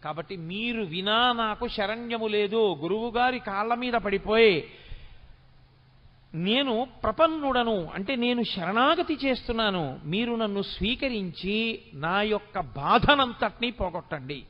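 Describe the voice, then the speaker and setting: A middle-aged man giving a spiritual discourse on scripture. He chants verses slowly and then fires off quick scolding rhetorical questions. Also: high voice, animated. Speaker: religious discourse speaker. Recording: dull lo-fi recording with long hall reverb.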